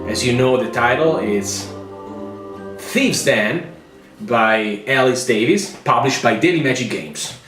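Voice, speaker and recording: A man's voice: mid-range voice, expressive, takes it slowly, a bit bright. A man with an Italian accent hosting a playful, chatty board game review. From Italy. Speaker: host. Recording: echoey room with music behind.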